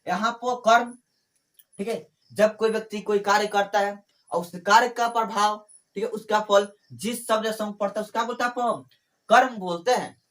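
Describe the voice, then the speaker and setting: A man's voice: high voice, fairly even intonation, a bit bright. Man teaching grammar, asking his own questions. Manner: repeats phrases, asks and answers his own questions; fills pauses with "ठीक है" and "आपको". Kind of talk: classroom grammar lesson.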